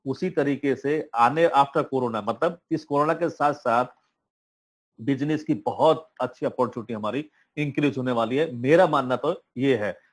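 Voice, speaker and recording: A man speaking on an online meeting call, pitching a business plan in a motivational tone with many hesitant fillers. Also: moderate pace. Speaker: presenter of crypto network plan. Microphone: online call audio.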